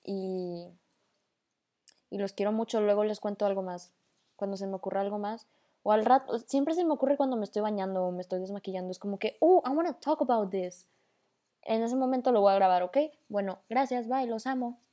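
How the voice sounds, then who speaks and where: Chatty northern Mexican woman, mellow voice. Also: medium pitch, fairly quick. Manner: chatty, rambling, mixes in English slang. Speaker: podcast host. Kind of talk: casual voice-memo podcast.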